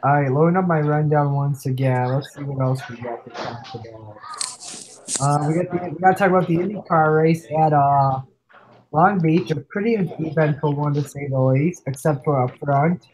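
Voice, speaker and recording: A man's voice: a little high, normal speed, darkish tone, rough recording. A sick man hosting an online racing show, casually reading through race results and chatting with co-hosts. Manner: reads results lists, loose and chatty. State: sick, coughing. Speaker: podcast host. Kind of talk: casual sim-racing recap chat.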